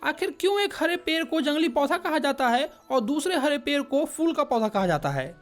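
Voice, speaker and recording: A woman voicing a kindly old man gardener with a tin leg, who talks gently and patiently like a father. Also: sits high, animated, moderate pace, soft background music. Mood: gentle.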